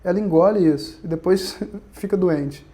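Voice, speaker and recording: A man's voice: high-pitched, normal speed, warm tone. A man with a Brazilian Portuguese accent teaching Vedanta in a conversational, storytelling way. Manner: conversational, storytelling, frequent tag questions. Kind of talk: recorded online lecture.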